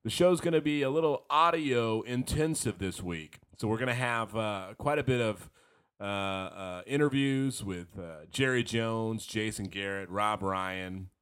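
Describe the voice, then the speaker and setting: A man hosting a sports fan podcast, talking casually and frankly while hoarse from a cold. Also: on the low side, measured pace, fairly bright tone. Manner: frank, rambling, self-deprecating fan talk. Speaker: podcast host.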